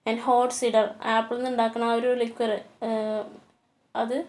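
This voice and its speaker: A woman gives a poetry lecture. Her voice sits a little high, and her delivery is slow overall. She reads the English lines deliberately and hesitates over her explanations. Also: level tone, a little mellow. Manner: hesitant, with many fillers. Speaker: teacher.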